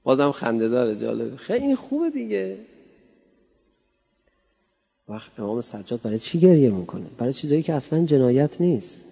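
Male preacher, dark husky voice, conversational sermon, recorded in a reverberant hall. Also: medium pitch, very animated. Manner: conversational, playful, asks the audience questions. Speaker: cleric giving a religious talk.

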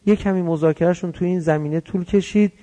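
A man's voice: high-pitched, steady tone, warm tone, lo-fi sound. A man preaching in the form of a story, telling it vividly and acting out the dialogue in changing voices. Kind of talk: religious storytelling sermon.

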